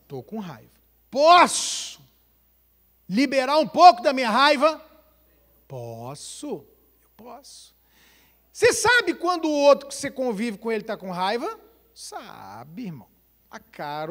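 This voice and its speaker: A man from Brazil preaches with a high, sweeping voice that jumps between near-shouts and low asides. He acts out family arguments and fires questions at the congregation. His voice rings with the long reverb of a church hall. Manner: lively, dramatic delivery, acting out family quarrels and rhetorical questions. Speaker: pastor. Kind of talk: sermon.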